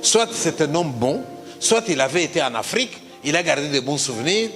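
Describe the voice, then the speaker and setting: Theatrical storyteller in a hall. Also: male voice, on the high side, fairly quick, faint music behind. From Congo. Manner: lively, theatrical, switches between voices. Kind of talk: comic stage monologue.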